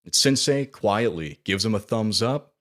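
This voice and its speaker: A man's voice: on the low side, animated, a little slow, fairly bright tone. A man co-hosting a podcast, casually retelling film scenes in detail. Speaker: podcast co-host.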